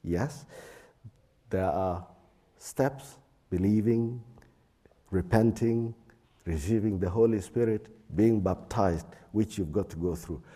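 A man with a low, very dark voice delivers a sermon slowly, pausing between phrases as he reads scripture. His tone is husky. The sound is drenched in a big hall's echo. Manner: slow, measured preaching with pauses and fillers. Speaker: preacher. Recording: echoing hall reverb.

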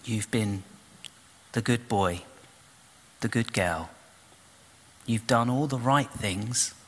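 A man's voice: mid-range voice, slow, in a large hall. A man preaching a sermon, retelling the story expressively and putting questions to the congregation. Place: church.

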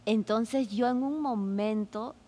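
A law student in her forties reflects on her experience in a casual podcast conversation, thoughtful and full of fillers like "este" and "¿no?". Her voice is on the high side with a dark tone, and she takes her time.

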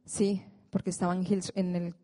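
A woman's voice: fairly low pitch, normal speed. Woman in her forties telling a faith testimony. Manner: lively storytelling, acting out her own prayers. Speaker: prayer group speaker.

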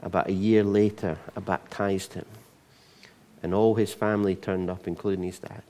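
A middle-aged Scottish pastor delivers a sermon in a low, warm voice. His speech is conversational and loose, full of restarts and repeated words. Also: level tone, normal speed.

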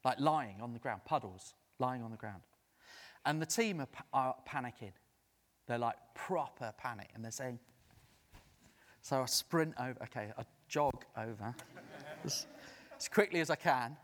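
A man preaching a sermon as a lively storyteller who acts out the voices of the people he quotes. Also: medium pitch, moderate pace, pauses often. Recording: long reverb of a large hall.

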